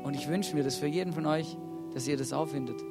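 Guy preaching on a church stage, kinda high voice, keeps asking the crowd stuff, guitar playing behind him. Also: fast. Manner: earnest, urging, calls out "hey" and asks the congregation questions. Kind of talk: sermon.

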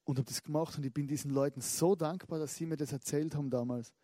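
A man preaching a sermon in a conversational, lively way, often asking the listeners direct questions. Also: a little high, fast, no echo, clean studio sound.

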